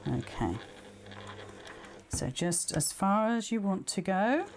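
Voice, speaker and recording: A woman at a sewing machine indoors hosts a chatty live demonstration, her medium-pitched voice animated yet slow, with noise in the background. As a sewing tutor she jokes about herself with viewers, walking through each step aloud and checking with "okay."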